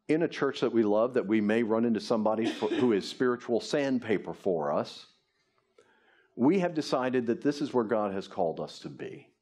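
A man in his fifties, a pastor, preaches a sermon earnestly from a lectern on a church stage before a congregation. His voice is medium-pitched and mellow.

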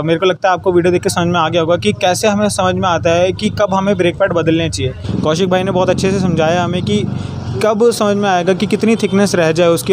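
A young man in his twenties hosting a casual vlog, walking viewers through car parts step by step with some hesitation. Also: sits high. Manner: hesitant, pointing things out step by step. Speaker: channel host explaining car mechanics. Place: outdoor garage workshop. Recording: street and vehicle noise behind.

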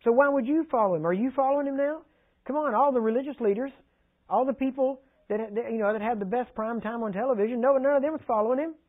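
A man's voice: fairly high pitch, very fast, hardly any pauses, breathy edge. A scornful male religious leader sneers and scoffs in a raised, strained voice, as a preacher puts him on. His mocking questions come one after another. The sound is tinny and thin, like an old phone line. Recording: tinny phone-like archive recording.

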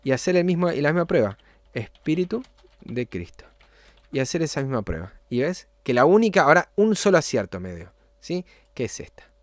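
Man explaining software step by step. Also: fairly high pitch, big pitch swings, no echo. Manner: explanatory, often checks in with a quick "¿sí?". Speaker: channel host giving a software tutorial. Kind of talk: casual screen-recorded tutorial.

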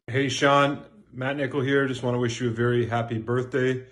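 A man's voice: medium pitch, flat delivery, normal speed, fairly bright tone. A man giving a teasing birthday greeting, joking about getting older. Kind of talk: casual recorded birthday greeting.

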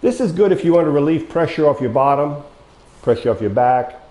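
An older mobility dealer demonstrates a wheelchair in a large, bare indoor showroom studio with an echoey sound. His mellow, low voice is going hoarse as he loses it and coughs, yet his intonation stays lively and his pace a little fast. Folksy, he calls viewers "folks" and explains step by step.

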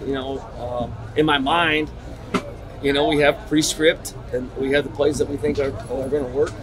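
Halting middle-aged male coach, crowd behind. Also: medium pitch, fairly even intonation, poor audio. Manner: halting, repeats words and restarts sentences. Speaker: head football coach. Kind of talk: postgame press conference. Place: concrete-walled stadium corridor. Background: crowd noise.

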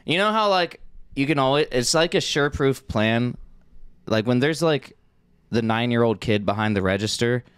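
Man, clear resonant voice, dry close sound, slangy, profane, casual podcast co-host. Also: medium pitch, expressive, normal speed, fairly bright tone, no echo. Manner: slangy, swearing, anecdotal.

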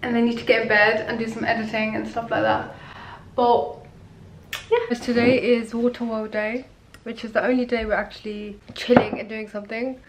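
A woman's voice: on the high side, level tone, normal speed, a little hiss or hum, rough recording. A woman casually vlogging a trip, chatty and rambling with lots of fillers. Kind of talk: casual vlog chat.

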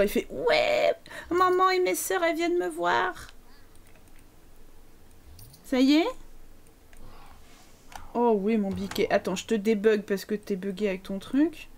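A woman's voice: on the high side, a little mellow. A woman streaming a life-sim game live, chatting playfully to her characters and thanking viewers as she goes. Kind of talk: live gameplay commentary.

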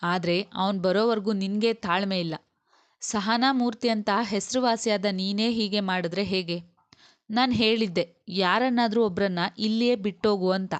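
A woman's voice: fairly low pitch, fairly even intonation, a little slow, clean tone, lightly acted. A woman voicing a stern, loyal male friend who lectures bluntly over the phone. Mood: scolding.

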